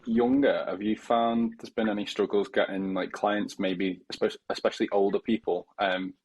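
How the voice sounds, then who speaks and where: A twenty-six-year-old man hosting a casual podcast interview. His voice is low and deep for a man. He asks his questions in a measured, relaxed way. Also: husky. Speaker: podcast host.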